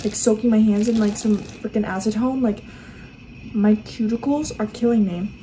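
A woman's voice: medium pitch, steady tone, normal speed, dark tone, a little hiss or hum, poor audio. A tired young woman vlogging casually at home late at night, exasperated and dramatic, peppering her talk with "like". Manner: exasperated, dramatic, heavy use of "like". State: exhausted, tired. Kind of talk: casual day-in-my-life vlog.

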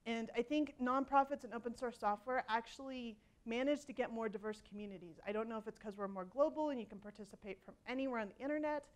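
A woman's voice: fairly high pitch, quick pace, few pauses. A woman in her forties giving a conversational conference keynote on a hall stage, with frequent ums and restarts and a self-deprecating humor. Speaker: keynote speaker.

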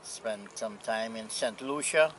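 A man in his eighties from Anguilla with a Caribbean accent, reminiscing casually in an unhurried, plainspoken way. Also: lowish voice. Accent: Anguillan Caribbean English. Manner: unhurried, plainspoken old seaman's talk with pauses. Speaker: retired sea captain, interviewee. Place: outdoors on a seaside hillside. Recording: outdoor camera audio with noise.

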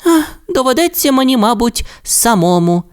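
A man voicing an excitable young male troodon dinosaur in a storybook, in an eager, squeaky, rushing way. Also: smooth. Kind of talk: storybook voice acting.

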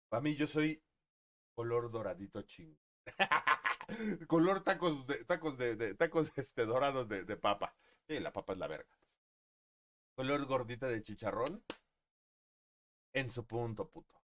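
A man with a Mexican accent, a streamer, ranting in a profane, mocking way. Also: medium pitch. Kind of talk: casual rant.

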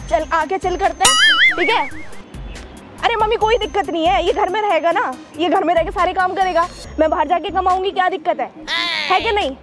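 Young woman pranking her mom on the phone, super high squeaky voice, all giggly and gushy, music going underneath. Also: a little fast. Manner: gushing, teasing, giggly. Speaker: prank video host.

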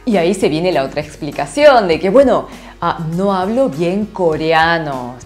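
A woman teaching a lively online Korean lesson, laughing often and checking in with her students. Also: lowish voice, unhurried, faint music behind. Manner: animated, laughs often, asks "¿sí?" constantly.

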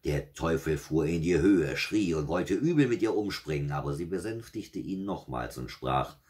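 A man calmly reading a fairy tale aloud at an unhurried pace. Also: extremely low pitch. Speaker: storyteller.

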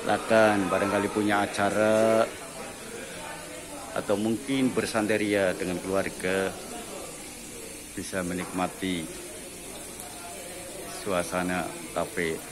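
A man giving a casual walking tour of a cafe, talking in a slow, relaxed way with lots of "ya" fillers. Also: low-pitched, a crowd in the background. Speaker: vlogger touring a cafe. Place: outdoor cafe grounds and indoor dining hall. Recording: noisy ambient phone recording.

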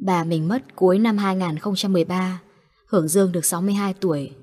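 A woman, narrating horror stories in a calm, matter-of-fact way. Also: fairly low pitch, fast talker, breathy edge, dry recording, clean studio sound. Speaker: storyteller.

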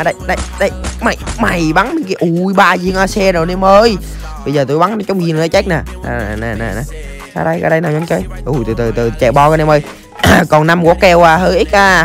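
A game streamer, giving excitable play-by-play commentary to viewers with rapid-fire exclamations. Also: mid-range voice. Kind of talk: live gameplay commentary.

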